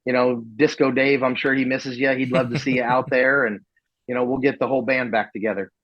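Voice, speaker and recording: A man who promotes events appears as a podcast guest, chatting in an easygoing, modest way and often restarting his sentences. His mid-range voice is level, fairly quick and a bit bright, and the audio is dull with no room sound.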